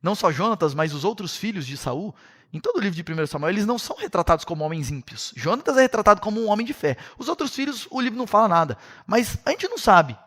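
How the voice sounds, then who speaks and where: A man's voice: high-pitched, quick pace. A man with a Brazilian Portuguese accent teaching a Bible study series, retelling the story vividly and speaking straight to his listeners. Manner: animated storytelling, addresses listeners directly.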